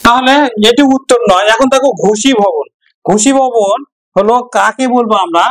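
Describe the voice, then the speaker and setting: A man with a Bangladeshi Bengali accent teaches an exam-prep grammar lesson in a fairly high voice. He moves step by step, poses questions to his students and answers them himself. He repeats each example to drive it home. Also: normal speed, rough recording.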